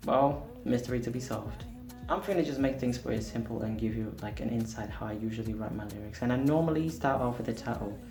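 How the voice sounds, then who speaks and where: Gravelly, candid man with Portuguese as first language. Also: mid-range voice, fairly quick, darkish tone. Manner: candid, self-deprecating, rambling with fillers. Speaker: singer-songwriter and vlogger. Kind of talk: casual chat to camera. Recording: roomy echo with music behind.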